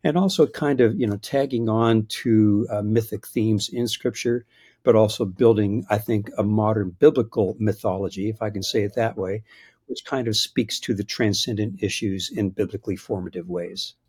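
Answering an interviewer's questions, a man in his sixties who is a biblical scholar speaks thoughtfully, restarting hesitantly and chuckling at points he makes. His lowish voice is a little mellow and slightly rough, at a moderate pace.

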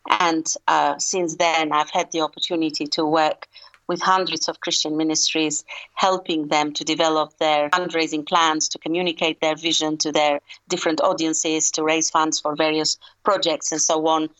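Low-voiced woman from Albania. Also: flat delivery, fairly bright tone, muffled recording. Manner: earnest, measured, frequent restarts. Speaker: fundraising consultant, guest. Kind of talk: radio interview.

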